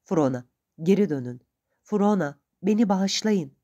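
A woman's voice: fairly low pitch, animated, measured pace, mellow. A woman reading the lines of an earnest young man who pleads and apologizes.

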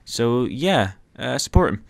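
A man chatting casually while playing a game with a friend, joking and breaking into loud playful shouts. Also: mid-range voice, big pitch swings, measured pace, creaky, no echo. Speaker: gameplay commentator. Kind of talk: casual gameplay chat.

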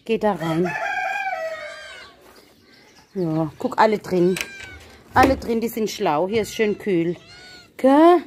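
Slow-talking German woman vlogging with animals. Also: mid-range voice, lively intonation, noisy background. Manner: chatty, coaxing pets with pet names. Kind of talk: casual vlog talking to viewers and animals. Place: outdoors in a hot village yard with animal pens.

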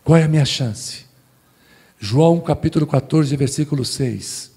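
Husky, gravelly pastor preaching in an echoing church. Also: male voice, on the high side, unhurried. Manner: emphatic, rhetorical, swinging from loud calls to hushed phrases. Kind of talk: sermon. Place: church sanctuary during a live service. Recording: long church-hall reverb.

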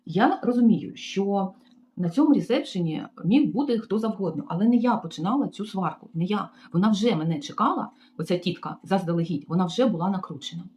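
A woman's voice: medium pitch, expressive, fairly quick, warm tone. A woman from Ukraine tells a story about her work as a hotel maid in a casual vlog, talking in a chatty way and turning to her viewers with frequent asides. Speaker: vlogger recounting her job as a hotel maid.

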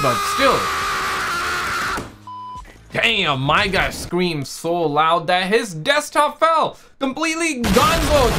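A young man hosting a reaction video with casual, slangy, exclamatory commentary, often repeating his phrases. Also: very high voice. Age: young adult. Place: home room with green screen. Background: music.

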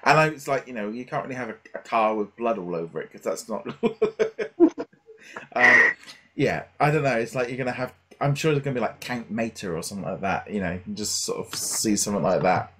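This time the middle-aged podcast host sounds animated, his lowish voice a little fast with a fairly bright tone, over slight background noise. Recording on a headset in a small indoor home room with shelves, he chats casually, rambling and hesitating as he thinks aloud.

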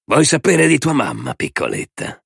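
A man voicing a drunk, crude man who taunts with drawn-out, sneering words. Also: medium pitch, wildly swooping pitch, vocal fry, slightly rough, no echo, clean studio sound, voice pushed up, heavily acted. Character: drunk, crude, mocking man, hostile stepfather type.

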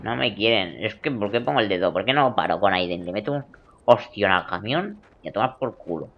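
A man, doing let's play commentary over a video game, jokey and swearing, muttering then suddenly shouting. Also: on the low side, animated, a little fast, dull audio. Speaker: gaming video creator.

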